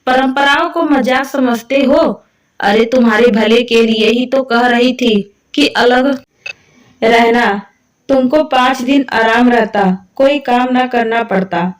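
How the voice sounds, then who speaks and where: Storybook role: insistent traditional mother-in-law, read by a woman narrator, higher voice, distant mic. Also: takes it slowly. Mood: stern. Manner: scolding, insistent. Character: strict traditional middle-aged mother-in-law.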